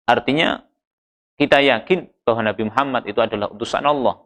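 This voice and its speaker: A man giving a Ramadan sermon, reciting Arabic verses and explaining them in a measured preaching manner, lifting his voice for emphasis. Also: mid-range voice, a bit bright, slight background noise. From Indonesia. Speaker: Islamic preacher.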